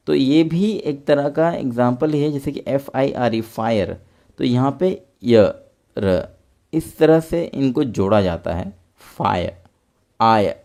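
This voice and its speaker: Mellow-voiced man teaching pronunciation. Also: mid-range voice. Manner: patient step-by-step explaining. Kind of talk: explaining English pronunciation in Hindi.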